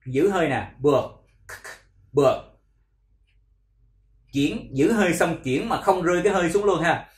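A man with a Vietnamese accent teaching English pronunciation, repeating words slowly and explaining in Vietnamese. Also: sits high, animated, roomy sound. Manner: slow drilled repetition of English words. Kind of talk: pronunciation lesson.

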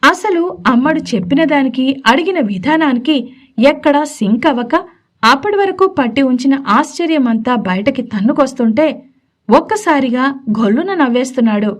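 A woman narrating a romance audio story in an expressive, lively storytelling manner. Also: sits high.

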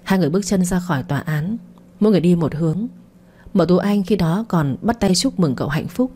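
A woman narrating a novel in a slow, soft, even reading. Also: lowish voice, slightly rough. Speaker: story narrator. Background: faint music.

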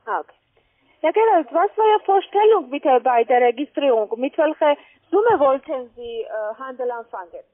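A call-centre saleswoman with a very high voice and a foreign accent, whose first language isn't German, sounds animated. She speaks haltingly and keeps checking in with short questions, over a narrow, muffled phone line.

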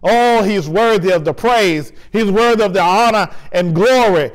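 In poor audio, a pastor with a high-sitting voice leads a sermon and communion liturgy at a moderate pace, recorded on a lapel mic in a church sanctuary. His preaching is fervent and emphatic, and his prayer solemn.

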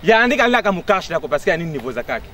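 A man's voice: a little high, big pitch swings, racing, a bit bright, slight background noise. A man, lecturing proudly in street banter outdoors in a city street. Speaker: sapeur.

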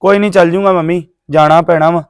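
A man's voice: high-pitched, steady tone, fast talker, clean tone, no echo, clean studio sound. A man with a Punjabi accent playing an evasive young village son who keeps brushing off his mother's questions. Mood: easygoing. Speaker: grown son. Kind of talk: village drama acting.

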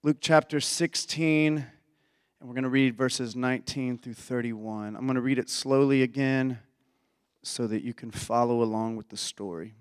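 A pastor, hoarse and losing his voice from illness, opens with a prayer and then preaches earnestly and folksily, often restarting phrases; his voice is medium-pitched and steady at a normal speed. Recorded in a church sanctuary on a handheld or stage mic, the sound is dry and close with long hall reverb.

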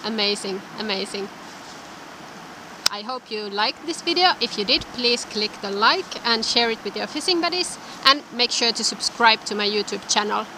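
A young woman with a somewhat high, animated voice vlogs casually about fly fishing beside a mountain river, speaking at normal speed into a handheld camera held close to her face. She's enthusiastic and often repeats her words, with outdoor wind noise and background music behind her.

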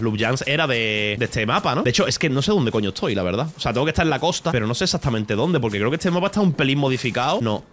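Andalusian guy rambling and cursing at his stream chat, talks quick, faint hum behind. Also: medium pitch, fairly bright tone. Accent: Andalusian Spanish. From Spain. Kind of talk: gaming livestream commentary. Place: home streaming setup.

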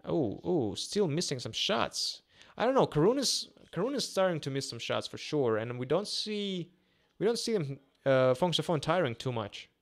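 A man's voice: on the high side, very animated, moderate pace. A man in his twenties with a Russian accent, a native Russian speaker, gives casual live boxing commentary, often repeating himself and hesitating. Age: 20s. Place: small indoor room. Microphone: close podcast microphone on a boom arm.

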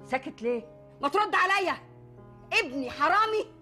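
A woman's voice: high-pitched, expressive, racing, soft background music. An actress playing an Egyptian mother scolding her grown son in a film comedy. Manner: scolding, reproachful.

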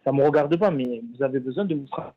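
A man's voice: mid-range voice, fast. A man with a Marseille accent, a pastry chef on the phone, who stammers, repeats words and sounds incredulous. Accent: Marseille, southern French. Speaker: pastry chef taking a prank call. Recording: muffled phone line.

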